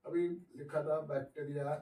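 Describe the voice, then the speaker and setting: Male biology teacher, slow and high-pitched, asks the class and answers himself. Recorded from a distance in a room with echo. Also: little pitch movement, mellow. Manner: mixes English science terms into Hindi. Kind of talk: classroom lecture at a whiteboard.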